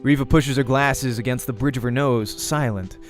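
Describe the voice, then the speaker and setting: Hosting a let's play of a visual novel, a man reads the narration aloud like a storyteller at a moderate pace. His voice is medium-pitched, with music in the background.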